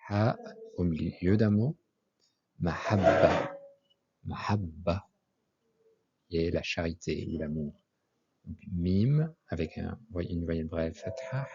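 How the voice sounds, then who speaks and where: The speaker is a man with a deep, darkish, husky voice who takes things slowly as he teaches Arabic. He spells out letters, says each example word two times, and then explains it, keeping the lesson methodical. The recording is dull and lo-fi.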